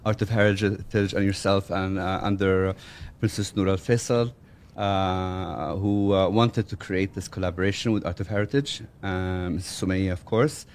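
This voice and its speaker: A low-voiced man hosts an interview, building his questions slowly. He stops often on "uh" as he works toward his point. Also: fairly even intonation, a little mellow, a little hiss or hum. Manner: halting, many "uh" fillers.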